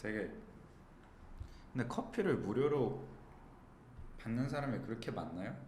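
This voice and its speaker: A man's voice: medium pitch, expressive, measured pace, darkish tone, echoey room, slight background noise. A young man co-hosting a casual radio chat, laid-back and joking, telling stories from everyday life. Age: young adult. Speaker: radio co-host.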